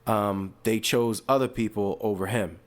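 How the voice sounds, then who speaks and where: A man hosting casual sports commentary, rambling and animated with frequent asides and restarts. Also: fairly low pitch, a little slow. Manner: uses fillers and restarts, talks casually.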